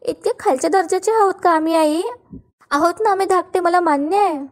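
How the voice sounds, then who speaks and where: A woman reading the part of a scheming young wife, high-pitched, sharp accusing retorts, quarrelsome. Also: a little fast. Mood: self-pitying.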